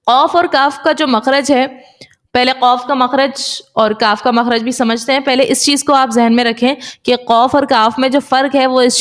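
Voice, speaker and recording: A woman with a Pakistani Urdu accent, patiently explaining letter sounds in an online recitation lesson and repeating them slowly for practice. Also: on the high side. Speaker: Quran recitation teacher.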